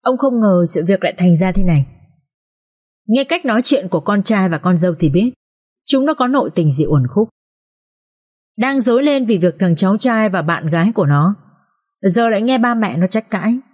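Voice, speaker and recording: A woman's voice: mid-range voice, normal speed, pauses often. Woman narrating an emotional drama. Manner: expressive, emotional reading. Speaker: audiobook narrator.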